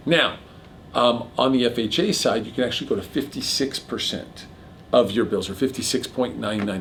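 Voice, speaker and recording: A middle-aged man hosting a casual chat about mortgages, explaining figures quickly with a jokey manner. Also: mid-range voice, a little hiss or hum. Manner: rapid, jokey, piles on figures. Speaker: mortgage broker host.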